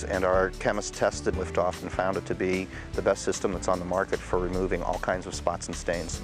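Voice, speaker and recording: A man giving a matter-of-fact testimonial as a company representative. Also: sits low. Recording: music behind the voice.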